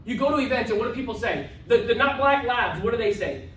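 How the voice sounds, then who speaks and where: A man giving an energetic, emphatic motivational seminar talk to a live audience. He repeats phrases and tags his lines with "right?". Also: very high-pitched, fast talker. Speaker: motivational event speaker. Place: event room with a live audience. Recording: echoey room, far from mic, faint noise.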